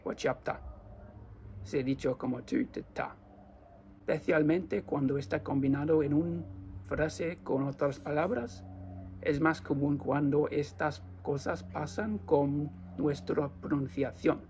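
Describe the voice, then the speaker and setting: Australian man, native English speaker, Australian accent, slightly high voice, slow careful teaching, faint background hum. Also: steady tone, a little mellow. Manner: slow, careful non-native Spanish with repeated examples. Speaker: language teacher. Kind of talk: explaining slang to viewers.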